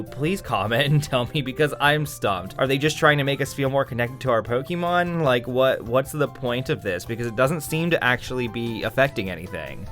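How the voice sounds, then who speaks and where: Young man, campy, chatty game review narration, self-deprecating, dramatic emphasis, medium pitch, music in the background. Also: fairly bright tone. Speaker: video game reviewer, drag performer. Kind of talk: chatty scripted video game review voice-over. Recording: music behind the voice.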